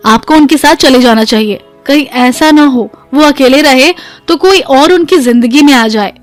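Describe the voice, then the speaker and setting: A woman's voice: high voice, normal speed, faint music behind, close to an everyday voice. Woman doing a coaxing young sister-in-law. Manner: coaxing, gentle advice.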